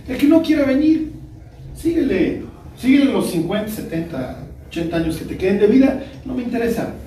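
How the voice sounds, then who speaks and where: A blunt, casual God speaks in colloquial Mexican Spanish, as a Bible teacher puts him on. The voice sits high with a mellow tone. It comes from a distance in an echoey room. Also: male voice, very animated, fairly quick, exaggerated voice. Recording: roomy, distant mic with faint noise.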